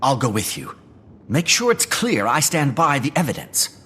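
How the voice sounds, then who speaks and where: A man's voice: mid-range voice, big pitch swings, moderate pace, bright, forceful tone, husky, big-room sound, exaggerated voice. An actor playing a concerned, decisive male team member in a video game.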